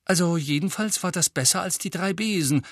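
A man's voice: on the low side, little pitch movement, no echo, clean studio sound. A man voicing a clever, bossy teenage girl witch who talks sharply and indignantly, in a German audiobook. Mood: defiant. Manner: sharp, indignant, quick when upset.

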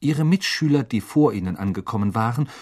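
A man narrating an audiobook in an expressive, dramatic storytelling manner. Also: mid-range voice, fairly quick.

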